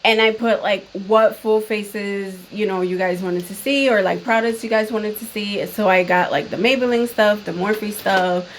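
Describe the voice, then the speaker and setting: A woman's voice: mid-range voice, fairly even intonation, moderate pace, few pauses, slight background noise, poor audio. Chatty woman beauty vlogger. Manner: chatty, quotes relatives in playful voices. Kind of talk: casual chat.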